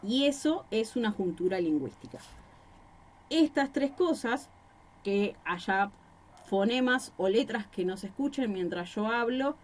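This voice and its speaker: A woman's voice: on the high side, animated, measured pace. A woman teacher with a Rosario Argentine accent, explaining a recorded class lesson with examples and rhetorical questions, speaking into a microphone in a small room. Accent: Rosario Argentine Spanish.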